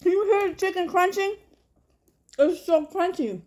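A woman reviewing food on camera, talking excitedly with her mouth full of food. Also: very high-pitched, normal speed. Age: adult with a son. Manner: excited, exclamatory. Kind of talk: casual food review vlog.

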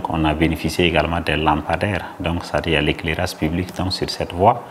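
A man with a Burkinabè French accent giving an interview answer, halting with many fillers. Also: very deep voice, little pitch movement, background noise.

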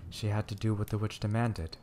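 A young man in whispered role-play as a boyfriend softly reading a bedtime fairy tale aloud, slow and soothing. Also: fairly low pitch, completely flat delivery, a little hiss or hum.

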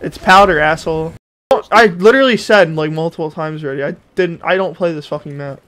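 A man's voice: fairly high pitch, fairly quick, a bit bright. A man in a casual gaming voice chat, easily frustrated and swearing a lot. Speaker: gamer.

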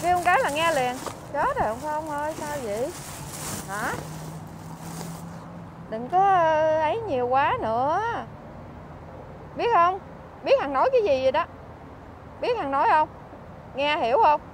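A woman with a Southern Vietnamese accent, a vlogger chatting on the street who fusses, scolds and keeps exclaiming out loud. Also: high voice, lively intonation, measured pace, pauses often, background noise. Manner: scolding and fussing, exclaims often. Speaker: vlogger helping homeless people. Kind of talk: casual on-street chat. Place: outdoors by a street.

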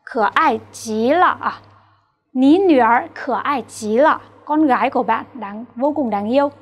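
A woman's voice: on the high side, a little slow. A young woman with a Vietnamese accent teaching a vocabulary lesson and asking students to check along. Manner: patient, asks rhetorical checks to students. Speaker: Chinese teacher.

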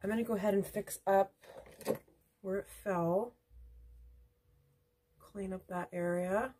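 A woman's voice: mid-range voice, fairly even intonation, slow, very noisy. A woman beauty vlogger chatting casually at home while doing her makeup, rambling into asides. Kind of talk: casual get-ready-with-me chat.

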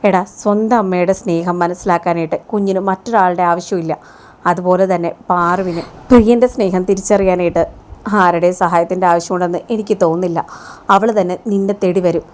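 A woman's voice: on the low side, fairly even intonation, fairly quick, close to an everyday voice. A woman voicing a blunt male friend who mocks and warns a young man. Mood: taunting. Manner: mocking, blunt.

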